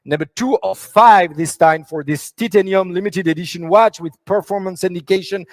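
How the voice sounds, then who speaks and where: A man's voice: high-pitched, moderate pace, no room sound, studio quality. A man working as a fine art auctioneer, calling live bids in a repetitive, partly sing-song chant.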